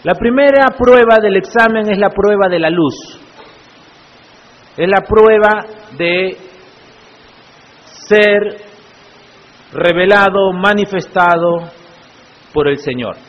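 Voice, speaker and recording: High-voiced male pastor preaching slowly. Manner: preaching with frequent rhetorical questions to the congregation. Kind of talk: sermon. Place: church. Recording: echoey church hall, muffled lo-fi sound.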